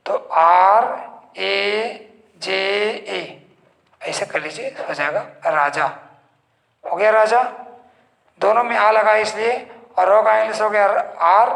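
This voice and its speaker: A man's voice: high-pitched, creaky, a bit bright. A man teaching young children to spell words in English, sounding out each word letter by letter and repeating it. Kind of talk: slow spelling lesson for children. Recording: echoey room.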